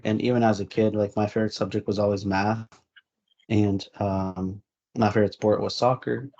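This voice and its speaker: A young man from Texas and Mexico, an engineering student, answering interview questions casually with fillers. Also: lowish voice. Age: young adult. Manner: relaxed, rambling with fillers. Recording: dull lo-fi sound.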